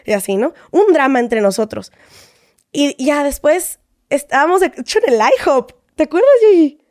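A woman with a Mexican accent, a guest telling a personal story in casual chat, animated and often acting out what people said. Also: high voice, moderate pace, no echo, clean studio sound. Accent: Mexican Spanish. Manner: animated, acts out quoted exchanges, frequent tag questions.

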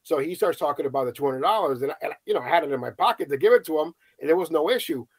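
A middle-aged man from the United States, a podcast host telling a story casually on a panel and acting out the quoted voices with lively swings. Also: racing, slightly rough, no room sound. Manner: animated storyteller, acts out quotes with high excited voices.

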